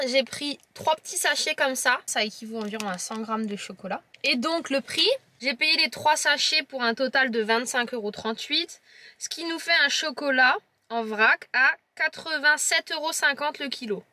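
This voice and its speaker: This chocolate-tasting vlogger, a woman with a Lorraine French accent, talks at normal speed in a high-pitched, pushed and bright voice, with no room sound. Casual and chatty, she describes each chocolate to camera while playfully teasing viewers.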